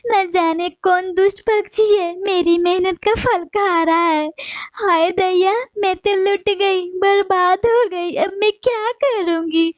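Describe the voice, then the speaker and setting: A woman's voice: very high voice, steady tone, slow, no room sound. A woman voicing a tearful, hard-working female sparrow in a cartoon, with a wailing, lamenting manner. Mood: weeping. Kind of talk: cartoon voice acting.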